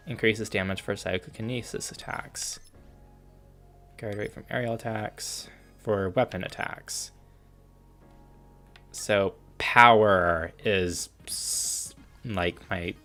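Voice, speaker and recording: A man casually commenting while playing a video game, reading out menus and skills. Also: deep voice. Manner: relaxed, reads out game menus with filler ums. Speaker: gaming streamer. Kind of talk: casual let's-play commentary.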